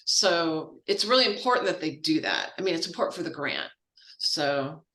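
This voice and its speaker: Woman running a casual training session, chatty, bright voice, echoey room. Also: low voice, expressive, normal speed. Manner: chatty and informal, with frequent fillers and asides. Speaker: grants trainer. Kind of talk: casual software training walkthrough.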